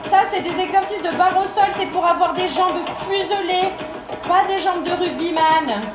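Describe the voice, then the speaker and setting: A woman's voice: very high voice, moderate pace. A woman leading a workout class, chatty and joking, straining and out of breath as she exercises along. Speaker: fitness instructor. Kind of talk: live workout class coaching. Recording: echoey room with loud music.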